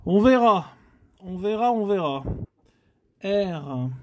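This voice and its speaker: A man's voice: high-pitched, expressive, takes it slowly. A man from France giving casual commentary while scratching lottery tickets, exclaiming and groaning at each letter. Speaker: scratch-card vlogger.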